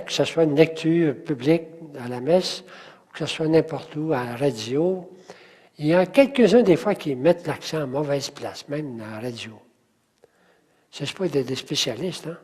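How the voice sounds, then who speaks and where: A man's voice: a little high, a little mellow, breathy edge, big-room sound. A man teaching a poetry class, patiently explaining and counting syllables aloud while asking the group questions.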